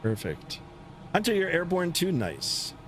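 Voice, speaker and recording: A man hosting a flight simulator livestream in casual commentary, with halting, pause-filled phrasing. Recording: steady aircraft rumble behind voice. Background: engine rumble.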